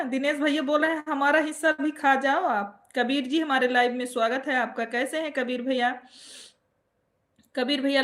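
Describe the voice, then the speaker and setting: A woman hosting a casual live stream from home with an Awadhi accent, reading viewer comments aloud and greeting people by name with playful teasing. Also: high voice.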